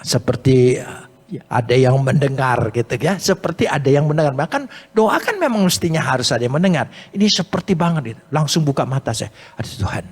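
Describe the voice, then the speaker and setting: A man preaching a sermon at a church service, asking his congregation questions in a lively way. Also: a little high, fairly quick, breathy edge. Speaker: pastor. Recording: long church hall reverb.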